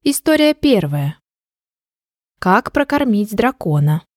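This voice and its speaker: A woman narrating a children's audiobook in a gentle, measured storytelling voice. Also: mid-range voice, very animated, no echo, studio quality.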